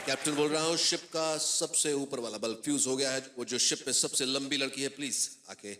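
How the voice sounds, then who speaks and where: A man playing a ship captain who makes a formal announcement over the ship's loudspeaker. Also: mid-range voice, a little fast, over a noisy crowd, heavy background noise. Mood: matter-of-fact. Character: male ship captain making a dry announcement.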